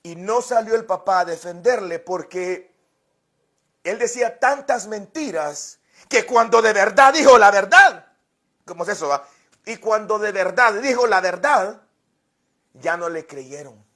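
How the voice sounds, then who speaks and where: Male pastor, very high voice, storytelling sermon, repeats himself, talks right to the congregation. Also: lively intonation, unhurried, pushed and bright. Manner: repeats words, addresses listeners directly.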